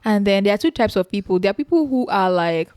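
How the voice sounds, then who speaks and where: Nigerian woman co-host, expressive, acts out what people said, dry close sound. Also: mid-range voice, fast talker, dry recording. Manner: expressive, mimics other people's lines. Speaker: podcast co-host. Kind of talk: casual chat.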